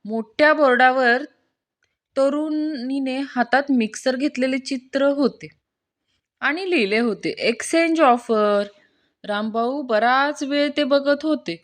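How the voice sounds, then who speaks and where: A woman reading a string of short jokes aloud and lightly voicing the characters. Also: high-pitched. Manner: reads each line slowly, lightly voicing the characters. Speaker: joke narrator.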